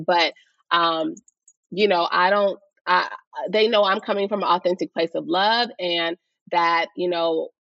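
Woman, teacher interview, passionate and earnest, gravelly fry, slightly muffled close sound. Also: on the low side, fairly bright tone, dry recording. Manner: earnest, passionate about students. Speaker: high school or college teacher. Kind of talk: thoughtful interview answers.

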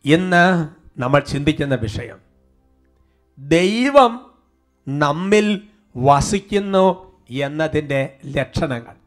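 Man, preacher, high voice, sermon, faint music underneath. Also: takes it slowly, long pauses. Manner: fervent prayer, then steady teaching. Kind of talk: sermon with prayer and worship.

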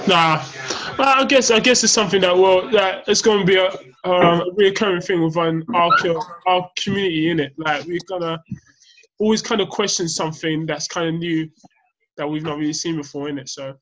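High-voiced young London roadman. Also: fairly quick, fairly bright tone, rough recording. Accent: London, urban street slang. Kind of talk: casual group discussion.

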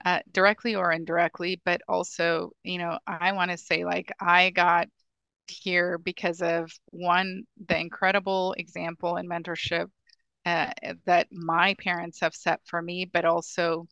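A woman's voice: lowish voice, level tone, unhurried, gravelly, a bit bright, clean tone, no room sound, low-quality recording. A woman from Ethiopia with a mixed Ethiopian and Midwestern accent, a native Amharic speaker, answering podcast interview questions earnestly with many restarts. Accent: mixed Ethiopian and Midwestern American. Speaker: guest, government technology official.

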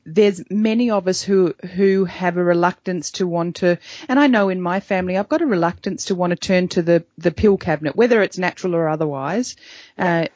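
A woman's voice: lowish voice, fairly quick, darkish tone, no room sound. A woman hosting an interview, asking curious questions and sharing anecdotes about feeding her family. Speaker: host. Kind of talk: casual interview chat. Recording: dry, dull lo-fi audio.

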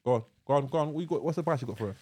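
A man co-hosting a casual podcast, animated and quick to object, often repeating himself. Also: medium pitch, slightly rough. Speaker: podcast co-host. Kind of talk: casual banter.

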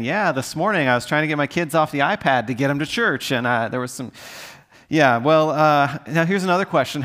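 A middle-aged man preaching a sermon as a pastor, talking in a conversational, earnest way and dropping to soft, pleading tones when he reads the scripture aloud. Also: on the high side.

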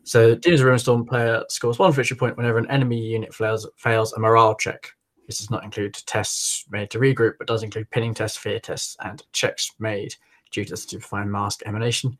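A man co-hosting a podcast who reads out tabletop rules in a brisk, matter-of-fact way. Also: on the low side, level tone. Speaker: podcast co-host. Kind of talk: reading out game rules in casual chat. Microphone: remote call.

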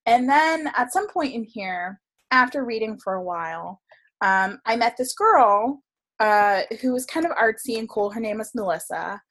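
A woman telling stories in casual conversation, chatty and animated, laughing often and full of fillers. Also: on the high side, moderate pace. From South Florida region of the United States. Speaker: podcast guest, tarot reader.

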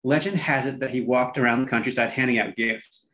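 Male co-host, average pitch, chatty explainer with a dry, irreverent edge. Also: fairly even intonation, a little fast, bright, forceful tone, slight background noise. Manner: conversational, wry, irreverent. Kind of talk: casual explainer chat.

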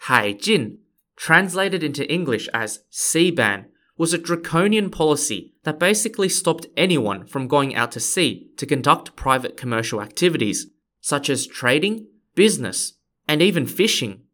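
A man's voice: fairly high pitch, sing-song, normal speed, bright, forceful tone. A man hosting a history podcast, reading scripted narration with playful, conversational asides to his listeners.

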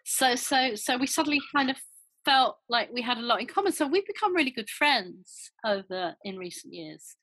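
A woman's voice: fairly high pitch, expressive, normal speed, pushed and bright, no echo, low-quality recording. An older woman, a former band member, talking casually in an interview, rambling with many fillers and restarts.

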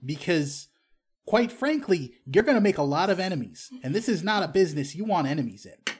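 A man's voice: sits high, sing-song, fairly quick, husky, pitched above the performer's own voice, full character voice. A man playing an exasperated crime crew leader in a tabletop game, stern and lecturing.

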